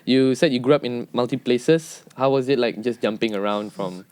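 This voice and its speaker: A man's voice: mid-range voice, moderate pace, a little mellow, dry recording. A man co-hosting a casual podcast, teasing his guests and laughing often. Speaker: podcast co-host.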